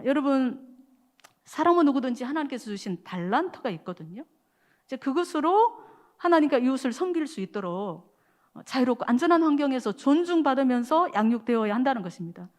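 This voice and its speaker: A woman's voice: fairly high pitch, darkish tone. Woman preaching a conversational sermon. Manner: conversational, many fillers, addresses the audience. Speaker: preacher at a mothers' prayer meeting. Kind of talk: sermon with storytelling. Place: church.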